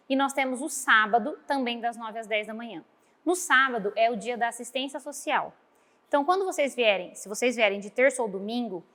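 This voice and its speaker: A woman's voice: a little high, a bit bright. A Brazilian woman, a children's religious teacher, speaking earnestly to a training course and acting out the dialogue in her stories. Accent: Brazilian Portuguese. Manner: earnest, storytelling, acts out dialogue. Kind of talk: heartfelt talk at a training course.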